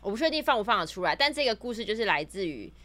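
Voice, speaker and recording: A woman's voice: mid-range voice, racing. A woman speaking Mandarin with a Taiwanese accent, a real estate agent telling a story in casual podcast chat and acting out the dialogue. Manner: animated storytelling, acts out quoted dialogue.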